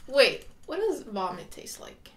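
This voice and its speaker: A woman's voice: high voice, sing-song, measured pace. A woman in her twenties talking casually and expressively, with giggles, as she eats gross jelly beans at home. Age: 20s. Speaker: vlog challenge participant. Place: bright indoor room at home.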